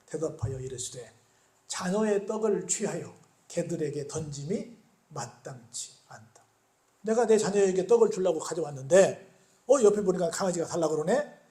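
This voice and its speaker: A male pastor delivers a sermon in a high-pitched voice. He keeps asking the congregation questions, answers them himself, and voices the figures of the story as he goes. The sound is roomy, with the echo of a church sanctuary. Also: expressive, normal speed, mellow. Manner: acts out the biblical speakers in quoted lines.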